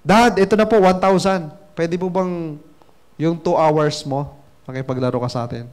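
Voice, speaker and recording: A man's voice: a little high, steady tone, normal speed, darkish tone, natural voice. A man voicing a young child who politely pleads for their father's time, told within a seminar story. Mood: hopeful.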